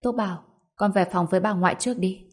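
A woman voicing a calm, reassuring father in an audio story, giving short instructions. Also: medium pitch, fast talker, husky, natural voice.

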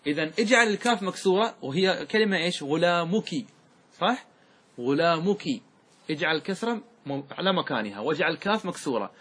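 This man's slightly rough, fairly bright voice is a little high as he lectures a class on Arabic grammar. He repeatedly asks his students questions, says key words again and draws example words out slowly.

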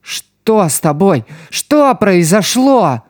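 A man reading an audiobook voices a desperate, loyal teenage street boy who shouts and pleads in a raised voice. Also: high voice, very animated, drawn-out words, dry recording, studio quality, voice pushed up, full character voice. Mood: desperate, pleading.

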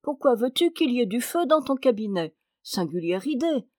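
Impatient scolding wife, higher and louder voice, dry sound, woman reading. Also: big pitch swings, normal speed, no room sound. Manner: sharp, exasperated, scolding. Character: impatient fussy young wife, imperious. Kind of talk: audiobook character reading.

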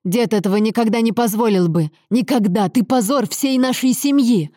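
A woman reader voicing an angry young adult son who shouts and hisses accusations at his father. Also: extremely high pitch, fast, no echo, studio quality, pitched above the performer's own voice. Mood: furious. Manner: shouting, hissing, bitter interrogation.

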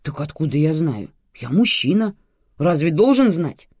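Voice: medium pitch, sing-song, measured pace, a little mellow, husky, no echo, pitched above the performer's own voice. A reader voicing a bewildered, fatherly older man who pleads and exclaims in confusion.

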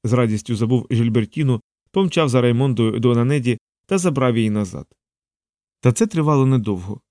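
A man narrating a science fiction audiobook in a steady, even storytelling manner. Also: medium pitch, a little fast, no echo, studio quality. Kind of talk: scripted narration.

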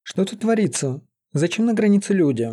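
A man's voice: sits high, very animated, fairly quick, dark tone, dry recording, clean studio sound, pitched above the performer's own voice. A man reading a story, voicing a brave young princess warrior in a raised, urgent voice. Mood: alarmed.

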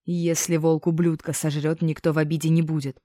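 Lady putting on a gruff angry village guy for a storybook, rough and threatening, dry sound. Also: low-pitched, steady tone, moderate pace, dry recording, close to an everyday voice. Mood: scared, snarling. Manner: rough, scolding, shouting threats.

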